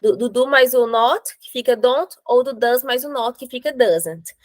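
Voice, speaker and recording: A woman teaching an English grammar class, explaining step by step and slowing down to spell out examples. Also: fairly high pitch, dry recording, rough recording.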